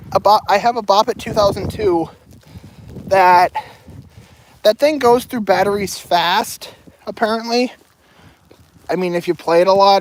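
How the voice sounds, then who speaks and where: A woman's voice: medium pitch, a little hiss or hum. A young adult woman chatting casually to her viewers while she walks outdoors with a loaded backpack, rambling from one topic to the next. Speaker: livestreamer. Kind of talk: casual walking livestream chat. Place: outdoors on a walk.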